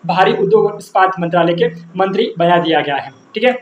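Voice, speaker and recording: A man's voice: sits high, lively intonation, fairly quick, dull audio. Male teacher, repetitive self-questioning drill style, faint background hum. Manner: asks and answers his own questions, repeating. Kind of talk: exam-prep lesson with memory tricks. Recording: roomy echo, faint background noise.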